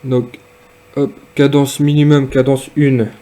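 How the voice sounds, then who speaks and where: A man casually demonstrating and reviewing a piece of gear, speaking hesitantly with frequent pauses and fillers. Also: mid-range voice, level tone, dark tone. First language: French. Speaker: product reviewer.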